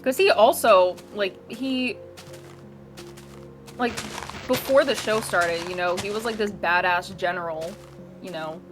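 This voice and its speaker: Woman, casual chat, group call, laughs easily, clear music in background. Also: medium pitch, a little slow, pauses often. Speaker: podcast co-host.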